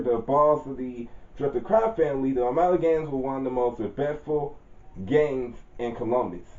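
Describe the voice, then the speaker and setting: A man's voice: mid-range voice, dark tone. A man casually running down a character's bio in a loose, rambling way, often correcting himself and using informal grammar. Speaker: channel host describing his own story character. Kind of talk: casual spoken character rundown. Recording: roomy, dull lo-fi home recording.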